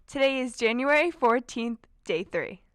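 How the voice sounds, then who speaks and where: Clear young female school announcer. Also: on the high side, expressive, a little slow, no room sound, studio quality. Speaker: student announcer opening school morning announcements.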